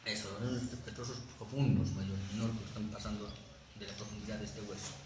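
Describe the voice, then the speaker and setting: A man's voice: fairly low pitch, steady tone, brisk. Male anatomy lecturer, chatty classroom teaching, very echoey room, audible noise. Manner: conversational, keeps checking in with the class. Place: classroom with students.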